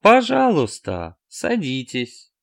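A man's voice: wildly swooping pitch, slow, gravelly, exaggerated voice. Man putting on a skipping-record robot salesman. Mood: glitching. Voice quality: booming metallic voice. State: glitching like a skipping record, phrases repeating. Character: broken male robot salesman, stuck repeating. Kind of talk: audiobook narration.

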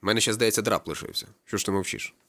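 A man's voice: lowish voice, steady tone, racing, a bit bright, no echo, studio quality. A man narrating a literary audiobook in a laconic, ironic storytelling manner. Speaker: audiobook reader.

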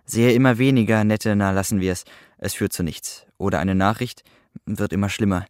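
Young male actor, low-pitched, dry close sound, measured chanting of poetic fragments. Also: fairly even intonation, darkish tone, clean tone, no room sound. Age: young adult. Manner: incantatory, repetitive, overlapping voices. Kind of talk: rhythmic choral poetry reading.

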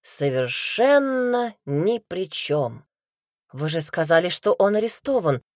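A woman reading an audiobook voices a suave male investigator who speaks in a soft, purring, gently condescending way, lowering her pitch for him. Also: very animated, slow pace, no room sound, clean studio sound.

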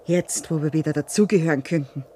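A woman's voice: sits low, fairly quick, warm tone, slight background noise, close to an everyday voice. A woman playing a hard, calculating village widow. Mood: scheming. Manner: matter-of-fact, plotting. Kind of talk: radio play acting.

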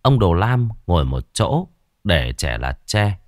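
Deep-voiced male ghost story narrator. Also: very animated, takes it slowly, no room sound, studio quality.

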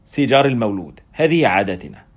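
A boisterous, swaggering old professor, as a narrator puts him on, booming out his words in a high, husky voice with big swings of pitch. He teases and jokes as he talks, fast and loud. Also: big pitch swings. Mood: booming, jovial. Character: boisterous older American male professor, swaggering.

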